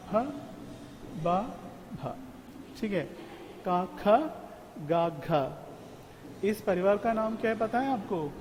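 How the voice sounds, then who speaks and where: A high-pitched man from teaches an online class, sounding out syllables very slowly one by one and often pausing to check in. His voice rings in a room with a long reverb and faint background noise. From South India. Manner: slow, drilling syllables one by one with frequent "theek hai?". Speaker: Hindi teacher.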